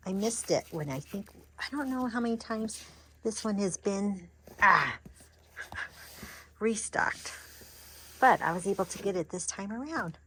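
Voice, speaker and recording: This woman, a crafting vlogger, talks casually on camera as she unboxes supplies, excitedly gasping and gushing with chatty restarts. Her voice is mid-range and a little slow with long pauses, and slight background noise is audible.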